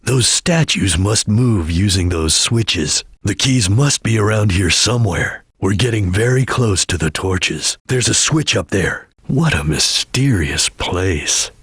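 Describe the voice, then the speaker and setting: A man voicing a stoic, watchful ninja chameleon in a video game, with a husky, gravelly voice and terse, solemn, guarded delivery. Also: fairly low pitch, lively intonation, slow, hardly any pauses, a bit bright, dry recording, clean studio sound, heavily acted. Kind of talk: scripted video game voice lines.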